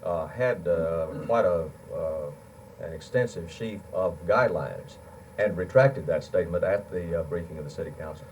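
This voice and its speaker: A man's voice: sits low, normal speed, darkish tone. A man politely but firmly correcting a point during an interview. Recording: distant mic, faint hiss.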